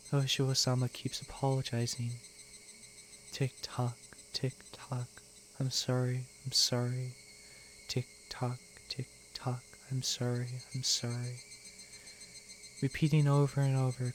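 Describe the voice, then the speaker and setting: A man's voice: sits high, slight background noise, natural voice. A man reading as a teenage girl going mad. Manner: frantic repeated pleading. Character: teenage girl unraveling into curse-driven madness. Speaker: let's play reader voicing all parts. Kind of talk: dramatic reading of a visual novel.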